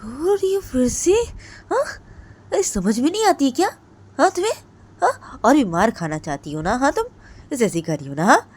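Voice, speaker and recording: A woman voicing a domineering, quick-tempered young woman who scolds with repeated sharp questions. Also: mid-range voice, animated, slightly rough, pitched above the performer's own voice. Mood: furious.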